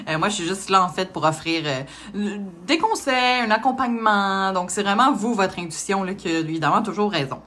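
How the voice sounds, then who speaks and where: A woman's voice: on the low side, a bit bright. A woman reading tarot cards, speaking casually with many hesitations and small laughs. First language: French. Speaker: tarot reader.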